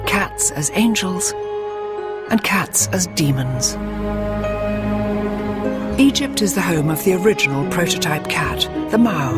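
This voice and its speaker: A woman with a fairly low voice presents a nature documentary in a scripted, dramatic style. Music plays clearly behind her narration.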